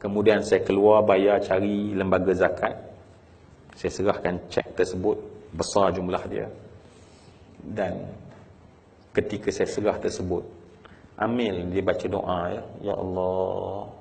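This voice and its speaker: Malaysian preacher guy telling a story in a sermon, low rough voice, gets loud and emotional then hushed. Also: level tone, measured pace, pauses often. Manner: emotional, swings from hushed to crying out.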